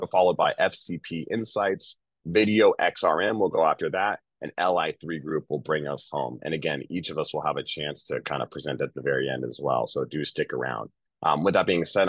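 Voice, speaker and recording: A man's voice: very deep voice, slightly rough, no echo. A man with a nasal voice from a cold, hosting a webinar in an upbeat, chatty way over a video call. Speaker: host. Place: home, calling in.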